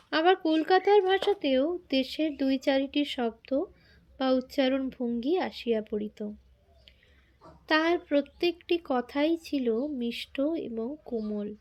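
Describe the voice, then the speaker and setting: A woman reading a biography aloud in formal prose, slow and measured, with quoted lines spoken in a more everyday tone. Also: sits high, a little mellow. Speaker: reader.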